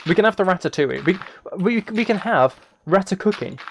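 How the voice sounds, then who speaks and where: This live streamer talks fairly quickly in a high voice with lively intonation and some vocal fry. He muses aloud to viewers in a casual, rambling way, often starting phrases over, while keys clack and mice click behind him.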